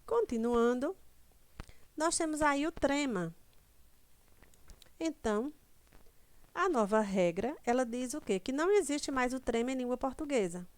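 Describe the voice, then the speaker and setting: Slow, patient woman teaching grammar. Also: high voice, expressive, dry recording. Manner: slow didactic, stretches example words, frequent "certo?" checks. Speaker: Portuguese language teacher. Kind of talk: online grammar lesson.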